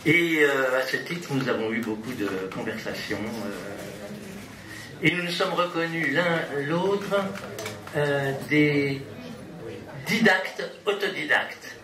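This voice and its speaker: With a crowd audible behind him, a man with a mid-range voice and lively intonation slowly introduces and then recites his own poem. It's a live evening poetry event in a gallery, and his delivery is rhythmic, playful, and list-like.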